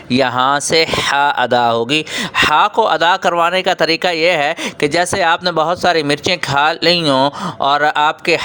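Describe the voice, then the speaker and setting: Bright, clear-voiced male Quran teacher. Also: fairly high pitch. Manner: patient, repeats each point and quizzes the children. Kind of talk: children's Quran reading lesson.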